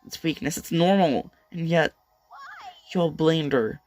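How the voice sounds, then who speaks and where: A man's voice: fairly high pitch, a little slow, darkish tone, slight background noise, voice pushed up, close to an everyday voice. A man voicing a loyal, hot-headed young woman in a manga read-aloud, pleading in a raised, urgent voice. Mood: impassioned.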